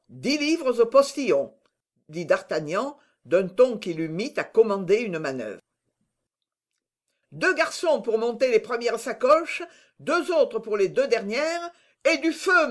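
A storybook reader voicing D'Artagnan, a bold swordsman who gives brisk, commanding orders. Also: mid-range voice, animated, a little mellow, natural voice.

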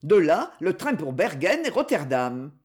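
A brutal, vengeful man in a dramatic audiobook, threatening and gloating in a hard, blunt voice, as a reader puts him on. His delivery swings widely in pitch. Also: very animated, unhurried. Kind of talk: audiobook character voice.

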